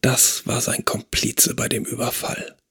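A man voicing a frightened young woman witness in an audiobook, speaking in a hushed, tense, pleading way. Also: mid-range voice, fairly even intonation, moderate pace, slightly rough, no echo, studio quality. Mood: urgent.

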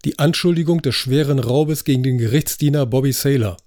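A man's voice: medium pitch, fairly quick, dark tone, no echo, clean studio sound, voice pushed up, lightly acted. A man voicing a driven prosecutor in an audiobook, firm and authoritative. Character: commanding, driven male prosecutor.

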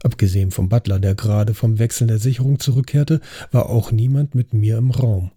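Dude reading a story out loud, super dark mellow voice, kinda husky, expressive. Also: male voice, on the low side, brisk. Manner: expressive first-person reading. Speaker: audiobook narrator. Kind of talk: scripted story narration.

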